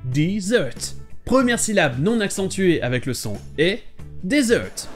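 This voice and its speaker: A man gives a scripted pronunciation lesson, spelling out each sound clearly and modelling words slowly. His delivery rises and falls in a lively way, with faint music playing under his voice-over. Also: high-pitched. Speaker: English teacher and channel host. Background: soft background music.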